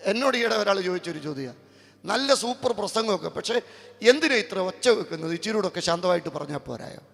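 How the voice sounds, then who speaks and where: High-pitched gravelly pastor, echoing hall. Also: male voice. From Kerala, India. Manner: swings from quick, chatty storytelling to slow, forceful preaching. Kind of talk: evangelistic sermon. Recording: long hall reverb.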